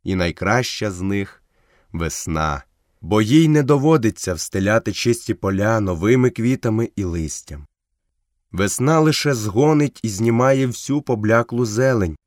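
A man reading a story aloud in a calm, measured narration. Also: lowish voice, dry recording, clean studio sound. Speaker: audiobook reader. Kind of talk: scripted narration.

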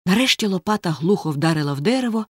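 A woman reading a story aloud in a measured, suspenseful narration style. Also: fairly low pitch, expressive, slightly rough, no echo, clean studio sound. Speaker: audiobook narrator.

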